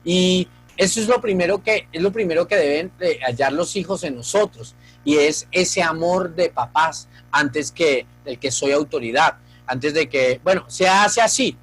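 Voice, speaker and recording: A man's voice: on the high side, measured pace, few pauses, fairly bright tone, slightly rough, soft background music, low-quality recording. A male pastor preaching a sermon, earnest and speaking straight to the congregation.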